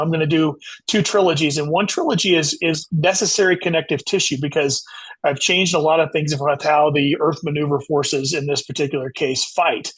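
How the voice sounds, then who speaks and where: Interviewed as an author, a man with a somewhat high, husky voice explains things at length in a relaxed, conversational manner, often saying "you know." The recording quality is poor.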